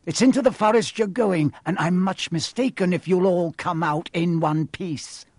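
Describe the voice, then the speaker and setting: Storybook villainous caretaker, acted by a male narrator: older man, taunting, nasty, raised pitch, dry close sound. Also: normal speed, darkish tone, no room sound. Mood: gloating. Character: spiteful, gleeful older male school caretaker.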